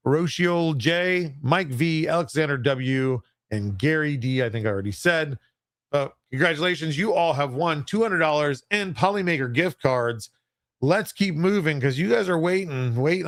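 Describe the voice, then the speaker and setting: A man's voice: a little high, fairly bright tone, no echo, studio quality. A man hosting a livestream giveaway, announcing in a casual, chatty, unpolished and self-deprecating way.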